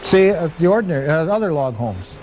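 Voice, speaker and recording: A man hosts a travel magazine program, alternating read narration with easy conversation. His voice sits on the high side and moves a lot in pitch. He keeps the talk going with quick, agreeable affirmations. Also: very animated, darkish tone, soft background music, low-quality recording. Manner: friendly, agreeable interviewer with frequent affirmations. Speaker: TV magazine host. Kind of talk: scripted narration and casual interviews.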